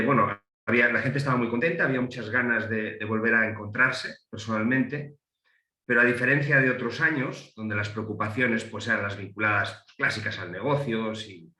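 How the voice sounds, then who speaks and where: A middle-aged man with a Galician Spanish accent, from Galicia in Spain, speaks as an economist on a panel. His voice is fairly low, pushed and bright, and he hesitates a lot, with many fillers and restarts. The room gives it a roomy echo.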